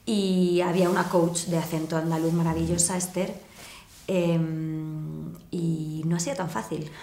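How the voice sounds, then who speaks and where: A woman talks about her work in a relaxed, lively interview, laughing easily and restarting her sentences as she thinks aloud. Her voice sits a little low. The room around her gives a clear echo. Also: unhurried. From Murcia. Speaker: actress in a series interview. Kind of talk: casual interview talk.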